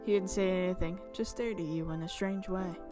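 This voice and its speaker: A woman who hosts a gaming channel reads visual novel narration aloud in a lowish, steady, brisk voice, often breaking off for chatty, exclamatory asides. Game music plays underneath.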